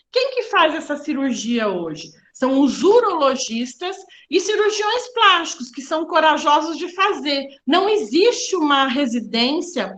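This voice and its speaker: Lady lecturing an audience, pretty high pitched, blunt and explains things plainly. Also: a bit bright, a little hiss or hum. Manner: frank, didactic, speaks directly to the audience. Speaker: diversity policy official giving a talk. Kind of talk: public lecture.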